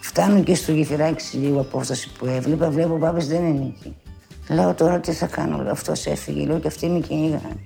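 A woman's voice: deep voice, vocal fry, faint music behind. An older woman telling a personal story from her youth, bringing it to life by acting out the voices of the people in it. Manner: animated retelling, acting out quoted speech with many asides of "she says".

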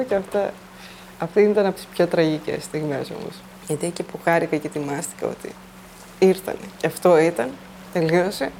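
A woman's voice: medium pitch, dark tone, slight background noise. A woman giving a plain, earnest first-person account of surviving a flood. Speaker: flood survivor telling her story. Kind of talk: personal testimony.

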